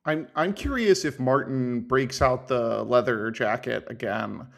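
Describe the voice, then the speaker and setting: A man's voice: mid-range voice, a little slow, vocal fry, a bit bright. A man co-hosting a casual podcast, chiming in with wry, joking asides. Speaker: podcast co-host.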